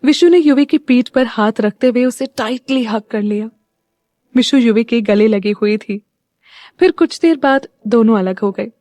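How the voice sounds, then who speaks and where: Slow, dry-voiced woman narrating a story. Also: a little high, warm tone, no echo. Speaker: audiobook narrator.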